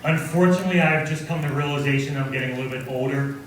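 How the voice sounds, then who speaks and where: A man's voice: mid-range voice, rapid-fire. A man in his forties performing a stand-up comedy set on a coffee house stage, self-deprecating punchlines delivered to a live crowd. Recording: very echoey room, far mic, audience noise.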